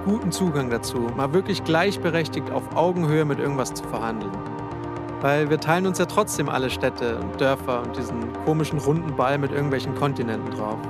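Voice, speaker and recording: A man of twenty-one giving a thoughtful, wry documentary statement as an interviewee. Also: on the high side. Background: loud music bed.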